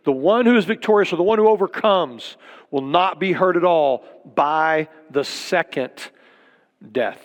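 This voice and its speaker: A man's voice: on the high side, measured pace. A middle-aged man preaching a sermon as a pastor, earnest and emphatic, repeating key points. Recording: long hall reverb.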